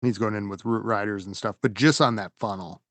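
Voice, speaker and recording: A man co-hosting a gaming podcast, chatting casually and trailing off as he rambles through shout-outs. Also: fairly low pitch, fairly quick, no echo. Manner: relaxed, rambling, trails off softly. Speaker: podcast co-host. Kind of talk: casual chat.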